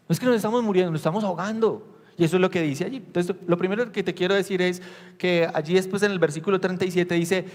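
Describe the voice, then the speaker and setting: A male pastor preaching to his congregation in a slightly higher voice, caught on a recording with the long ringing reverb of a church hall. He tells the story with animation, acting out the disciples' lines and putting questions to the congregation. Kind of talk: sermon.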